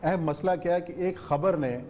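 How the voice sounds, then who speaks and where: A man's voice: sits high, a little mellow, a little hiss or hum. A man hosting a TV talk show, asking short prompting questions and cueing the break. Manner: brief prompting questions, frequent short acknowledgments.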